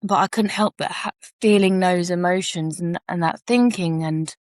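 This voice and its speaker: A woman's voice: fairly low pitch, moderate pace, a little mellow, dry recording, clean studio sound. A woman co-hosting a podcast, telling a personal story frankly and reflectively and swearing casually. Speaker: podcast co-host.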